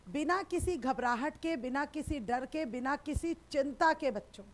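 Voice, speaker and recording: Lady teacher, pretty high voice, keeps calling students beta, reassuring live class chat. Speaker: sociology teacher.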